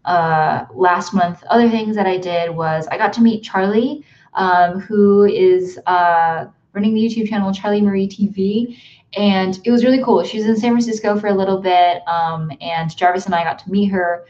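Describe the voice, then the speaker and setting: Livestreaming from her bedroom at home, this young YouTuber from the United States rambles through casual chat, dropping plenty of ums and likes. She speaks at a moderate pace in a medium-pitched, slightly mellow voice with fairly even intonation. The audio is muffled.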